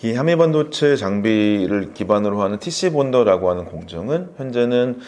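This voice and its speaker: A man's voice: on the low side, expressive, normal speed, darkish tone. A middle-aged man, a former chip researcher, explaining technical points as a guest expert, lecturing with fillers and self-corrections. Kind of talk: explanatory interview talk.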